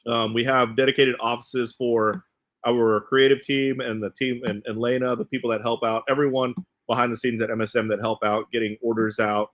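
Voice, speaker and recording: A man's voice: medium pitch, little pitch movement, normal speed, a bit bright. A man hosting a casual livestream, talking to viewers in a rambling way and often restating his phrases. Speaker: host of an RC car channel. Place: indoors in a cluttered warehouse.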